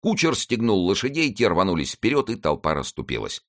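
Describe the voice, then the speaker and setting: A man's voice: fairly low pitch, huge pitch swings, brisk, a bit bright, dry recording, studio quality. A man narrating an adventure novel as an audiobook, reading dramatically.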